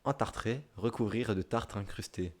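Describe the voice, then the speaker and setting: A man's voice: on the low side, moderate pace. A man with a southern French accent, a streamer reading dictionary definitions aloud live in short listed phrases, with offhand asides. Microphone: streaming microphone.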